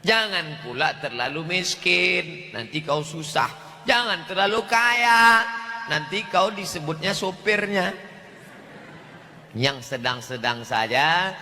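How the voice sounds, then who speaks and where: A man preaching a sermon in a measured, rhythmic, proverb-like delivery. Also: fairly high pitch, bright, forceful tone, in a large hall.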